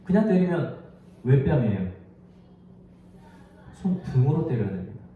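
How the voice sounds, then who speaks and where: A male pastor preaching a sermon in an animated way, asking his listeners question after question. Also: mid-range voice, normal speed, slight background noise. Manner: animated, asks the congregation many questions. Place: large echoey worship room. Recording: very echoey, distant, dull sound.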